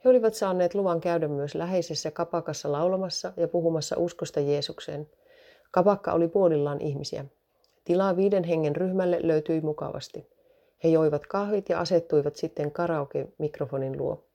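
Low, mellow woman narrating a story.

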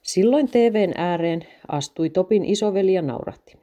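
A woman's voice: fairly low pitch, expressive, dark tone. A woman reading a children's story aloud, raising her voice for the children's lines. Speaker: narrator.

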